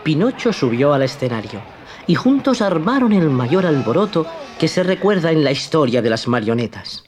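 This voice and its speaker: A narrator reading a fairy tale aloud with an expressive storytelling cadence. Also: medium pitch, moderate pace, over music.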